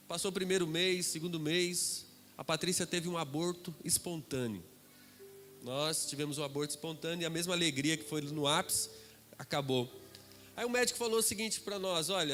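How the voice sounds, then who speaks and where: A middle-aged man with a Brazilian accent, a guest preacher telling a dramatic testimony that swings between loud and hushed. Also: on the high side. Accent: Brazilian Portuguese. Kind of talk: testimony sermon. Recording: reverberant hall with music behind.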